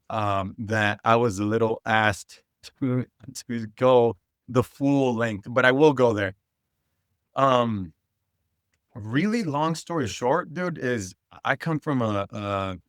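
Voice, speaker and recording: Recorded with clean studio sound and no room echo, a Southern California man from Santa Ana talks earnestly and informally as an interview guest about his own experiences. He's a youth soccer advocate with a mid-range, somewhat bright voice.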